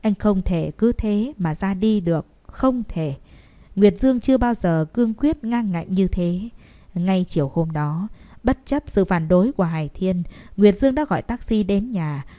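A woman narrating a romance novel as an audiobook, with emotive, measured storytelling. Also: medium pitch, expressive, warm tone.

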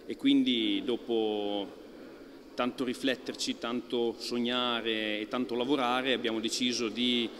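A man in his thirties, an archery club president, giving an interview in an indoor archery hall, talking with many fillers and pauses. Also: mid-range voice, level tone, fairly bright tone, a little hiss or hum. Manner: thoughtful, halting, many fillers. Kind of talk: on-camera interview.

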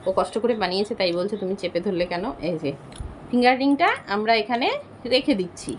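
A woman's voice: mid-range voice, a little fast, a little hiss or hum. A young mother hosting a playful tongue-twister challenge with her daughter, chatty and laughing, talking to her viewers as friends. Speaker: mother and channel host.

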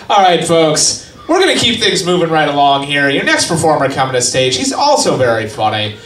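A man's voice: on the high side, very animated, normal speed, a bit bright. A man hosting an open mic, introducing the next comedian and hyping up a small audience. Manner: upbeat, hyping the crowd. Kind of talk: emcee introductions. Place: small art gallery cafe stage. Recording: echoey room from far off, with noise.

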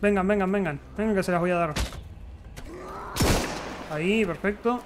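A gaming YouTuber with a Rioplatense Spanish accent gives chatty let's-play commentary, thinking aloud as he crafts and fights. His voice sits high at a moderate pace, with a little hiss or hum in the sound.

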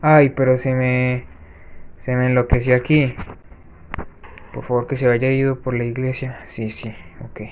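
Brief: male gaming host, mid-pitched, casual running commentary with sudden gasps. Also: flat delivery, a little hiss or hum. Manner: chatty, talks viewers through the match with quick gasping reactions. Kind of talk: let's-play gameplay commentary.

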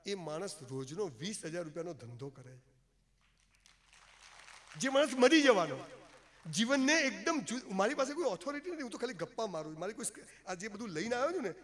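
Speaking to a crowd, a high-voiced man with a fairly bright tone delivers a forceful, down-to-earth motivational talk full of jokes and English phrases. Long reverb from the hall colors the sound.

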